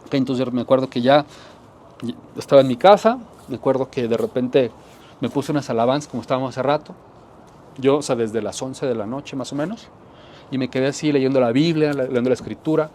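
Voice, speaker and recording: A man's voice: medium pitch, a little fast, slight background noise. Earnest man preaching a testimony. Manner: earnest, repetitive, drops to soft tones for emphasis. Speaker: pastor. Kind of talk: sermon testimony.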